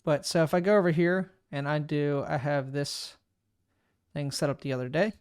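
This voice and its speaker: A streamer records a casual software tutorial on a desk microphone, walking through the setup step by step and thinking aloud as he clicks. His voice is smooth and clean, a little high for a man, with fairly even intonation and a moderate, easygoing pace. The sound is close and dry, with no room around it.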